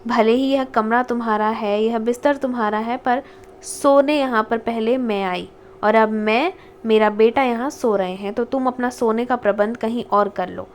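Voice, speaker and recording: A woman's voice: fairly high pitch, fairly even intonation, normal speed, slight background noise, natural voice. Woman reading as a curt, scolding young wife. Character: sharp-tongued young wife and mother. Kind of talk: audiobook character reading.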